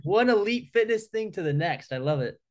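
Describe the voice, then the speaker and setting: Upbeat higher-voiced male podcast host. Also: expressive, fairly quick, darkish tone, muffled recording. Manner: upbeat, enthusiastic, filler "like". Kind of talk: casual interview chat.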